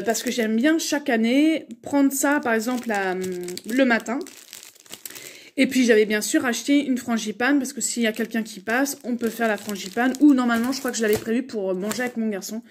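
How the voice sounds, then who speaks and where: A woman's voice: on the high side, darkish tone, slight background noise. Chatty woman rambling through a haul. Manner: chatty, rambling, many fillers and restarts. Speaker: vlogger. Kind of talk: casual haul video chat.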